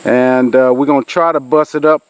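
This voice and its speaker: Speaking outdoors in a rural field, a Georgia man hosting an outdoors channel gives a casual vlog to a camera on a tripod, rambling and folksy with many fillers. He sounds nasal from a cold, his mid-range voice smooth, steady and brisk.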